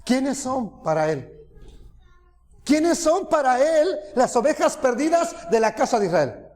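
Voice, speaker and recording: Male preacher, lively sermon delivery, higher voice, reverberant church hall. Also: a little slow. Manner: animated, rising to loud cries when quoting, dropping low for asides.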